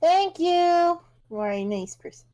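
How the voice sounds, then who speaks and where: A woman casually chatting and joking while streaming a co-op game, playful and animated. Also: very high-pitched, unhurried, poor audio.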